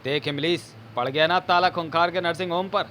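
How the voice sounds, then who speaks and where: A man voicing a cowardly, scheming male doctor with a shrill, jittery delivery. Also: fairly even intonation, a little fast, sharp tone, slight background noise. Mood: irritated.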